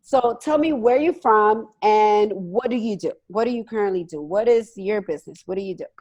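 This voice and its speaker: A woman's voice: mid-range voice, normal speed, a little mellow, muffled recording. A woman hosting an interview over a video call, chatty and enthusiastic. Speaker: host. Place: home, joining by video call.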